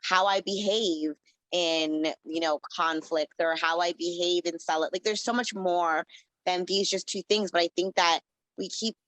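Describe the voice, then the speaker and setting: A woman's voice: on the low side, fairly even intonation, a little slow, a bit bright, no echo, rough recording. A woman from the Caribbean, a writer, talking as a guest in a casual interview, rambling with lots of "like" fillers. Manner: rambling, heavy use of "like" fillers.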